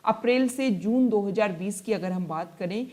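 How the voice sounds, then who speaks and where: Woman tutor, mid-pitched, newspaper analysis lesson: slow read-outs in English, patient explanations in Hindi. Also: darkish tone. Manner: reads English passages slowly, then explains in Hindi; explanatory, repeats and rephrases points. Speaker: exam-prep tutor.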